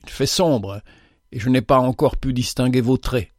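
A man voicing a calm, cordial bishop in an audiobook, speaking gently. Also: medium pitch, moderate pace, dry recording, studio quality, lightly acted.

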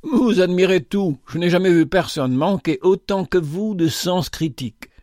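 A man's voice: sits high, animated, moderate pace, a little mellow, no echo, clean studio sound, voice pushed up. A man voicing a haughty, impatient rich young woman who talks with scorn.

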